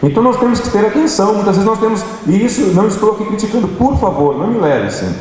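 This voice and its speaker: A Brazilian man giving an animated workshop talk to a church group, often turning to the audience directly. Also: high voice, quick pace, slight background noise. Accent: Brazilian Portuguese. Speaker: workshop speaker. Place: large hall. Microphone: handheld microphone. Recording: echoey hall, from far off.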